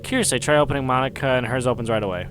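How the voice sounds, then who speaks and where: A man's voice: mid-range voice, very fast, music in the background. A man reading a fan fiction story aloud, stumbling over words, laughing at his slips and throwing in swearing asides.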